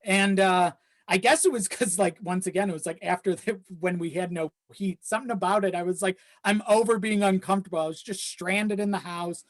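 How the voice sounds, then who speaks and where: Talking briskly in a medium pitch, a young adult rambles through a candid, casual chat, swearing offhandedly now and then. The setting is a small self-built shed used as a home office, and its unpadded interior adds a slight echo.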